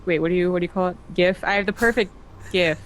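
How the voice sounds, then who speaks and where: A woman's voice: on the low side, quick pace, slight background noise. Playful giggly female co-caster. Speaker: esports co-commentator. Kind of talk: casual banter.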